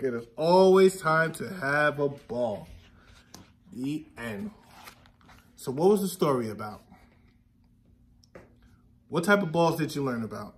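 Reading a picture book to young kids in an indoor classroom, a man in his thirties emphasizes key words and puts questions to the children. He sounds on the high side and fairly bright.

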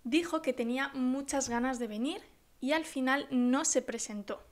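A high-pitched woman teaches a language lesson. She speaks slowly and carefully, spelling out examples and dictating a text for learners. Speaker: Spanish teacher.

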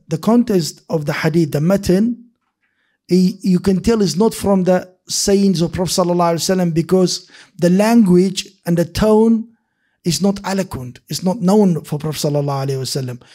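Seated at a desk mic on a stand, this middle-aged hadith teacher delivers a classroom lecture at normal speed in a high, mellow voice. He explains animatedly with hand gestures, repeats and restarts words, and slips Arabic phrases in.

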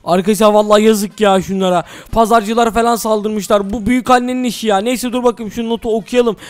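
An excitable man narrating his own Minecraft role-play in a very high, fast voice and talking straight to his viewers. Faint game music plays behind him. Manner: excitable, addresses viewers as "friends". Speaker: gaming channel host.

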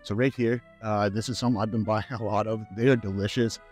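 A Canadian fitness vlogger in his thirties talks fast in a lowish, darkish, steady voice, chatting upbeat to camera with fillers. He's walking through a grocery store wearing a lapel mic, with soft music playing behind him in this casual walk-through vlog.

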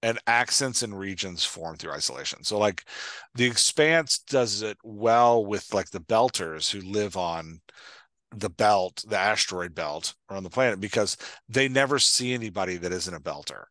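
A podcast host and writing coach in his forties chats casually into a headset mic from an indoor room on a video call, thinking aloud and restarting sentences as he explains. His lowish voice is expressive and fairly bright, at a moderate pace, and the recording is dry.

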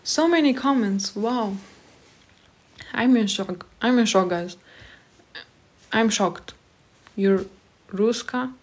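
A woman's voice: fairly high pitch, slow, pauses often. A young woman in her twenties from Moldova, with a Moldovan accent, whose first language is Romanian. She chats casually on a live stream from a small room at home, reading viewers' comments aloud and answering them. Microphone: phone held close at arm's length.

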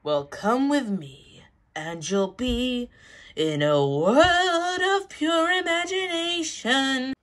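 A woman's voice: medium pitch, big pitch swings, takes it slowly, a bit bright, heavily acted. A woman putting on a sly toy tanker engine.

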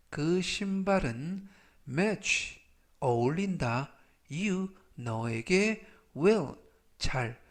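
A man with a Korean accent teaching English vocabulary in Korean, repeating each word three times in a slow, deliberate scripted way. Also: fairly high pitch.

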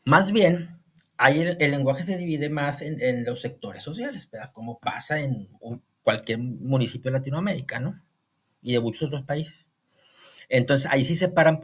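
A man's voice: a little high, slightly rough. A man from Monterrey with a northern Mexican accent, talking through a series review in a casual, rambling way, full of restarts and "o sea".

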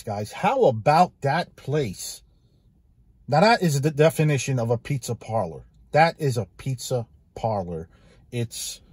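A man with a somewhat husky, mid-pitched voice hosts a casual food review vlog. He talks eagerly and says his key phrases twice for emphasis. The sound is dry and close, with no room around it. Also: darkish tone, no room sound. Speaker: pizza reviewer and host.

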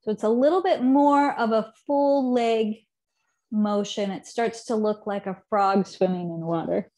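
The yoga teacher, a woman in her thirties, cues a seated session calmly and without hurry at a middle pitch, letting phrases drift softly down as they end. A camera across the living room picks her up, so she sounds a bit distant.

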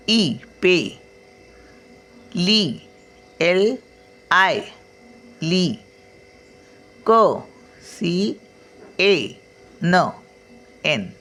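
A woman's voice: fairly low pitch, fairly bright tone. An older woman teaching a spelling lesson, sounding words out syllable by syllable and explaining patiently as she checks that the listener follows.

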